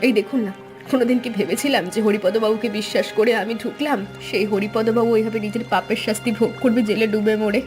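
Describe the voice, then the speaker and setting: A woman's voice: fairly high pitch, steady tone, quick pace, music in the background, close to an everyday voice. An actress playing an emotional village woman in a plaintive, melodramatic audio-story style. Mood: bitter.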